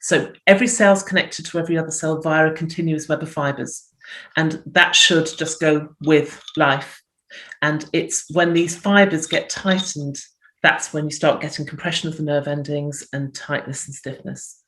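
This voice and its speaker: A woman's voice: low voice, steady tone, normal speed, a bit bright. A middle-aged woman from the UK, a physiotherapist, giving health tips in a chatty interview and voicing little inner thoughts as she explains. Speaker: physiotherapist guest.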